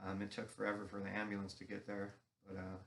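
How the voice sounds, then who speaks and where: A man with a slightly low voice tells his own story conversationally. His delivery is earnest and a little halting, in the manner of personal testimony. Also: monotone, gravelly, fairly bright tone, a little hiss or hum. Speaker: guest sharing recovery testimony.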